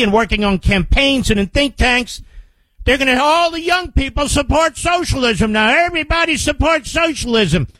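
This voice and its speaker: An older American man hosts a political talk radio show from a studio, speaking into a close microphone. His voice is extremely high, pushed and bright, with no room sound on a low-quality recording. Emphatic and combative, he repeats phrases to drive his point home.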